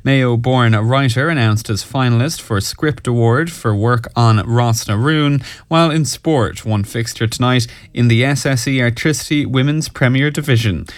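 A man's voice: medium pitch, normal speed, hardly any pauses, dry recording. An Irish man presenting scripted news headlines and weather on local radio. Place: radio studio.

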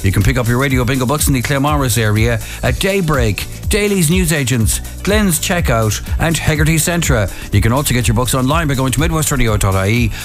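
A man with an Irish accent calling bingo on the radio, deliberately reading out numbers and details. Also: medium pitch, animated, soft background music. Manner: deliberate, repeats each number in full.

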